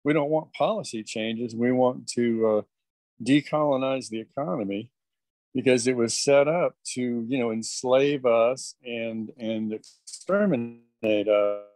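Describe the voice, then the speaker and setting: A man's voice: medium pitch, measured pace, darkish tone, dry recording. Man on a choppy, glitchy video call. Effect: choppy, breaking-up call audio. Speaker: participant on a group video call. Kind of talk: casual discussion. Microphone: computer or phone on a video call.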